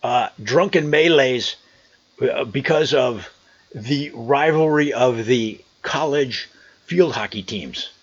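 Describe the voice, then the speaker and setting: A man's voice: mid-range voice, takes it slowly, breathy edge, lo-fi sound. An American man chatting casually and telling a story to his vlog viewers in an amused, conversational manner, outdoors. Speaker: vlogger. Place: outdoors on a trail.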